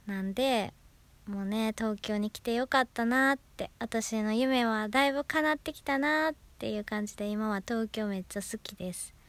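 A woman's voice: on the high side, moderate pace, a bit bright, no room sound. A woman from Osaka with a Kansai accent, chatting alone on her radio talk show and laughing at herself. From Osaka, Japan. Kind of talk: casual solo chat.

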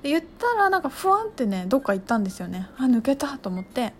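A woman, casually talking through her feelings in an animated, expressive way. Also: fairly high pitch, rapid-fire, faint music behind. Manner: animated, acts out her own outbursts and shouts. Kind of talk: casual spiritual monologue.

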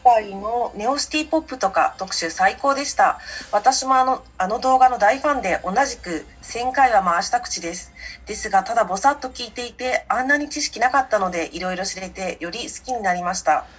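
Breathy woman, polite and measured. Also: medium pitch, animated. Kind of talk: reading a listener letter and chatting.

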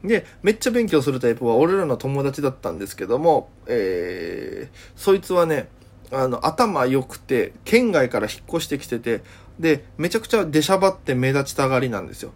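A man's voice: mid-range voice, very animated, a little fast, a little mellow. Rambling man telling a casual story. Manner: rambling, full of fillers and self-corrections. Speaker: podcast host. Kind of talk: casual solo storytelling talk.

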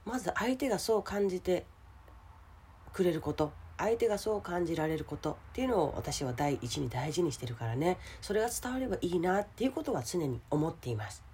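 A woman with a hoarse, gravelly voice gives a casual motivational solo talk as a radio host, speaking directly to the listener. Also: on the low side, animated, a little fast, slight background noise. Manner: addresses the listener directly with questions and soft sentence-ending particles. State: hoarse today.

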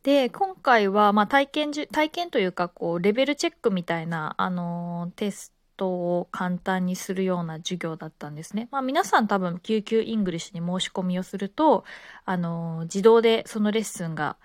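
A Japanese woman speaking alone in a relaxed, casual way, with frequent fillers. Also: mid-range voice, moderate pace, no room sound, clean studio sound. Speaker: podcaster. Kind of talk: casual solo talk.

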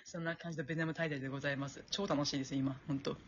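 A woman's voice: low-pitched, steady tone, very fast, muffled recording, slight background noise. A woman in her twenties hosting a casual radio talk show, telling stories with lots of laughter and acting out her relatives' voices. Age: 20s. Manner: chatty, laughing storyteller, acts out relatives' voices.

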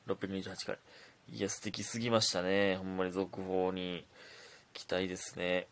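Gravelly low-voiced man with a Kansai accent. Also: completely flat delivery, normal speed. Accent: Kansai Japanese. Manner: chatty and self-deprecating, drifting between loud bursts and mumbled asides. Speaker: comedian hosting a listener-letter podcast. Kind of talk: casual solo talk reading listener letters.

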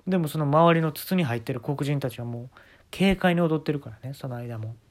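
A man's voice: on the high side, fairly quick. A man with a Kansai accent telling a comic story in a casual, wry, exasperated way into a phone mic. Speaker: podcast host.

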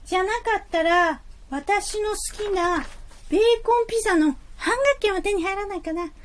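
Brazen, flighty office lady played by a woman: extremely high voice, blunt teasing, theatrical stage-comedy delivery. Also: normal speed. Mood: brazen, greedy. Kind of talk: comic stage play acting.

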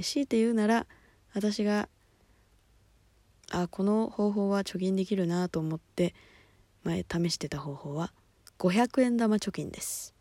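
A woman hosting a solo talk show, chatting casually, laughing often and dropping to soft murmurs. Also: medium pitch, no room sound. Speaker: podcast host. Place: at home at night.

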